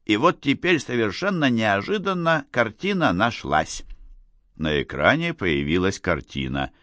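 A man narrating an audiobook with a lively, expressive reading. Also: fairly low pitch, unhurried, no room sound.

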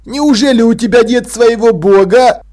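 A man's voice: extremely high pitch, normal speed, darkish tone, pitched above the performer's own voice. A man voicing a weepy, devout schoolboy who whimpers and sniffles as he talks. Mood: whimpering.

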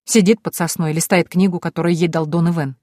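A woman's voice: on the low side, steady tone, fairly quick, a little mellow, dry recording, studio quality, natural voice. A woman voicing a cheerful, loyal young male servant who talks eagerly.

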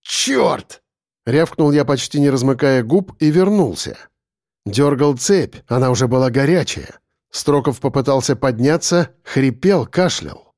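A man narrating a first-person story as an audiobook, in an expressive, dramatic reading. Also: medium pitch, normal speed, no echo, clean studio sound.

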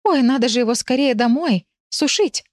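A woman's voice: high-pitched, lively intonation, moderate pace, darkish tone, dry recording, voice pushed up. A woman doing a flustered, fussing housewife. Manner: fussing, self-scolding.

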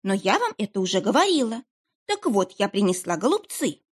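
A woman's voice: medium pitch, big pitch swings, brisk, husky. A woman voicing a young woman who plays dumb in a pitiful, trembling voice and rambles on nervously. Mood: pitiful chatter. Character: young woman playing a whiny simpleton.

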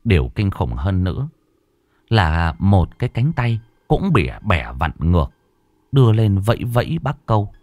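A man's voice: sits low, very animated, measured pace, no echo, highs cut off. A man narrating a horror story in a dramatic, suspenseful way.

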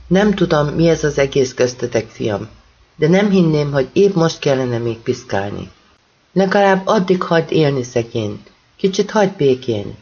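A man's voice: fairly high pitch, sing-song, creaky, a little mellow, slightly rough, lo-fi sound, exaggerated voice. A man reading an audiobook, voicing a weary middle-aged mother who scolds her son in a tired, reproachful tone.

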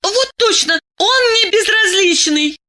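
A woman's voice: extremely high pitch, expressive, slow pace, pushed and bright, voice pushed up, exaggerated voice. Woman voicing a fervent lovestruck young girl. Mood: earnest. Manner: fervent, pleading, tearful at times. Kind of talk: audiobook character voice.

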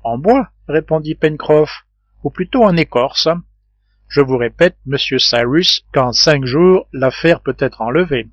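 A man's voice: fairly high pitch, lively intonation, measured pace, dry recording, highs cut off. A man reading an audiobook who voices a bold, boastful male sailor eager to persuade his companions. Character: bold hearty male sailor, sure of himself.

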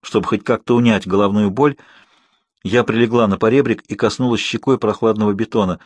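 A man narrating an audiobook in a measured, even reading. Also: fairly low pitch, breathy edge, dry recording.

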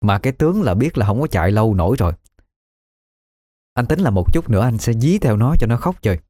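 A man's voice: medium pitch, sing-song, quick pace, mellow, no room sound, clean studio sound. A man telling a ghost story in the first person, in a folksy, colloquial way.

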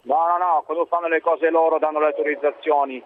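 Thin phone audio, faint background noise, man, medium pitch, halting, repetitive, opinionated radio caller. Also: fairly even intonation. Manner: halting, repeats phrases. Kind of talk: casual opinionated chat. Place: shopping centre. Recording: noisy, tinny phone line. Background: shopping centre noise.

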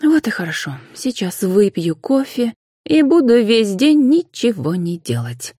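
A woman voicing a young witch who sounds brisk and a little wry, raised above her reading voice. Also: on the high side, big pitch swings, dark tone, husky, no echo, clean studio sound, voice pushed up, exaggerated voice. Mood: surprised.

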